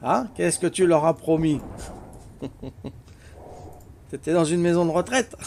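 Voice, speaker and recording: A man's voice: fairly high pitch, animated, measured pace, vocal fry, darkish tone, a little hiss or hum. An older man with a Corsican accent, chatting casually and teasingly with viewers while playing a game on a live stream. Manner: teasing, chatty, peppers talk with "hein".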